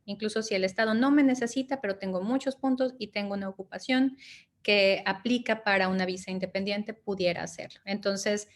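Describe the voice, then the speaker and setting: A woman advising on migration in an interview, answering methodically and checking in with short tag questions. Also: mid-range voice. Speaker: migration and study-abroad advisor.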